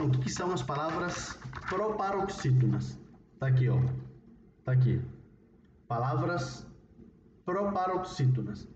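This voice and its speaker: A man's voice: mid-range voice, dark tone. A man teaching a recorded video lesson, talking in a hesitant way with many fillers and restarts. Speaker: Portuguese teacher. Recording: roomy, distant, dull, faint noise.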